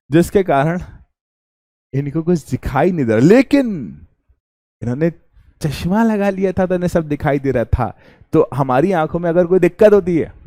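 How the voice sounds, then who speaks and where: Mellow-voiced man teaching calmly. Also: fairly high pitch, no room sound, studio quality. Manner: asks questions and answers them himself; calm, unhurried, chatty. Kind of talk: classroom lecture.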